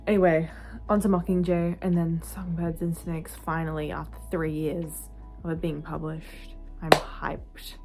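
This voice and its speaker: A young woman recording a late-night reading vlog in her bedroom on her phone. She talks in a hushed, often half-whispered voice and gushes emotionally about the book. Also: deep voice, level tone, measured pace, loud music behind the voice, low-quality recording. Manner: gushing and emotional. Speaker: book vlogger.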